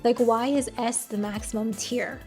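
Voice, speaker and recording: A woman's voice: a little high, fairly even intonation, normal speed, mellow. An American woman giving casual, opinionated commentary in a blunt, wry, conversational way. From United States. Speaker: video commentator. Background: music.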